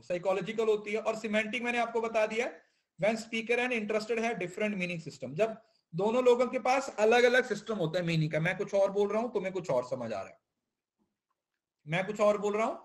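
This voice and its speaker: Delivering a classroom lecture at a moderate pace, this male teacher uses a high-pitched, expressive voice. He works in English terms and repeatedly checks whether the students are following.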